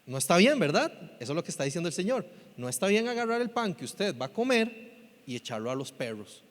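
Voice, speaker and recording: A man preaching with a high, bright voice, theatrical and expressive. He swings between loud, pleading cries and quiet, almost whispered passages. His voice rings out with a long reverb from a church hall. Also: fast talker. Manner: dramatic, acts out quoted voices. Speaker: pastor. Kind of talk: sermon.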